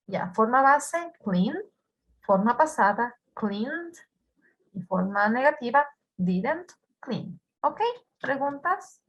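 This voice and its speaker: A woman teaching an English grammar lesson, patiently repeating words and quizzing her students. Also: fairly high pitch.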